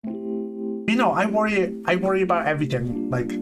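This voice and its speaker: Streaming live from his home setup with faint lo-fi music behind him, a man in his late thirties talks into a desk mic on a long cable. His high, expressive voice is candid and halting, and he keeps restarting sentences and filling pauses with "like."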